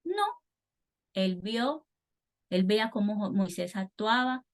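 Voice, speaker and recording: A woman's voice: medium pitch, lively intonation, slow pace. A woman giving a church training talk to children's ministry teachers, emphatic and repeating key words for stress.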